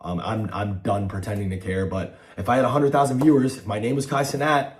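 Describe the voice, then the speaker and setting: A man's voice: lowish voice, steady tone, brisk. A man giving an impassioned, blunt personal monologue to viewers, emotional and aggrieved, with heavy casual swearing. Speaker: online content figure giving a personal statement.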